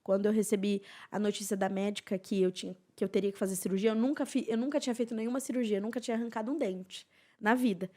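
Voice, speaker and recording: A young woman, a podcast guest telling a personal testimony in an earnest, emotional way with soft, hushed passages. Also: mid-range voice, fairly even intonation, fast talker.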